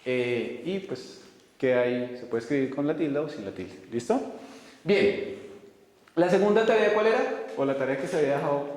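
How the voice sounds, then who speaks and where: A man's voice: a little high, moderate pace, darkish tone. A man teaching a class, walking students through rules and often stopping to check they follow. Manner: keeps checking in with students, questioning tone. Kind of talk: classroom lecture. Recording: very echoey hall with faint noise.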